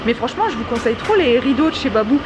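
A woman in her twenties chats casually for a shopping vlog, first in a car and then in a large, busy discount store, her fairly high voice animated, very fast and slightly muffled by a face mask. She films with a handheld camera at arm's length, and store and vehicle ambience come through clearly in the background.

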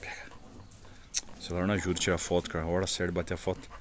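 A man's voice: completely flat delivery, very fast, very noisy. A man with a Brazilian accent, filming his dogs outdoors on a phone and coaxing them playfully. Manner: playful, coaxing, calls the dogs in high bursts. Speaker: dog owner and breeder. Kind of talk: casual vlog talking to his dogs.

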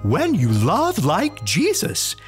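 A woman voicing Ollie, a gentle owl who sums up a Bible story for preschoolers in a soft, slow way. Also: lowish voice, huge pitch swings, faint music behind, exaggerated voice.

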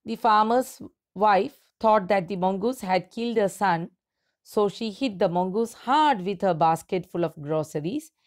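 A woman's voice: lowish voice, a little mellow. A woman teacher reading a story aloud to her students and explaining the meaning of its words. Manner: slow, deliberate, clear reading with pauses between phrases.

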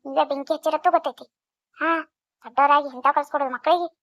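A woman doing a scolding, sharp-tongued village wife. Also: sits high, steady tone, very fast, dry recording, clean studio sound. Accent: North Karnataka Kannada. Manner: defiant, scolding. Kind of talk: cartoon voice acting. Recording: dull lo-fi recording.

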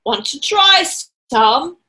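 A woman's voice: high voice, animated, slow, bright, forceful tone, voice pushed up, exaggerated voice. A woman voicing a cheerful crocodile who offers food, read aloud from a picture book. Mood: friendly.

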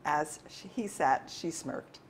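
A woman author reads her novel aloud in a steady, measured way. Her voice sits on the lower side, with a faint hum of the room around her. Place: bookstore event.

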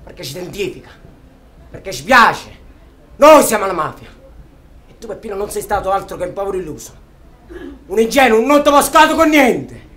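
A man's voice: high-pitched, rapid-fire, natural voice. A man playing a furious young Sicilian rebel. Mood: bitter, sarcastic. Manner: impassioned, swings between bitter quiet and shouting. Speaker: auditioning actor. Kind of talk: dramatic audition monologue.

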